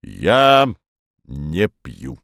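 A man voicing a huge, boisterous, red-cheeked baron who talks in a booming, drawn-out, blustering way, in a storybook reading. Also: big pitch swings, no room sound, studio quality. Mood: booming jovial.

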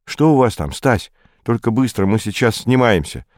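A man doing a hurried, eager young radio caller. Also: expressive, darkish tone, no echo, studio quality, lightly acted. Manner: hurried, half-whispered, higher voice.

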